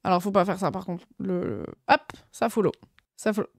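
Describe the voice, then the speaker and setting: A woman's voice: medium pitch, fairly quick, creaky, no room sound, clean studio sound. A young woman, chatting casually on a live stream and gushing over her convention finds with lots of fillers. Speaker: streamer showing convention purchases.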